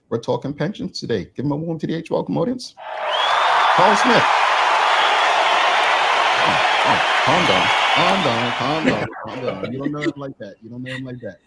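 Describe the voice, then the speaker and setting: A man's voice: mid-range voice, background noise. A man co-hosting a casual talk show, chatty and joking with his guest.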